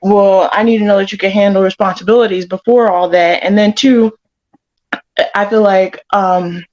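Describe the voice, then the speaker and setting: A woman's voice: mid-range voice, fairly even intonation, moderate pace, a little mellow. A young woman speaking hesitantly in a played clip, full of fillers. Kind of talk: casual talk in a played clip. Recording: dull lo-fi clip audio.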